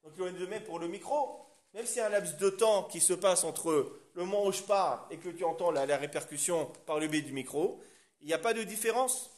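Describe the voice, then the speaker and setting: A man's voice: high-pitched, fairly quick. A man teaching a religious class, explaining step by step and often checking that the class follows. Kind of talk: Torah class lecture.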